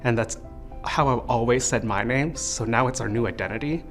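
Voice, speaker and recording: An American man answering interview questions in a reflective, animated way. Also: medium pitch, normal speed, faint music behind. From United States. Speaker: interview guest.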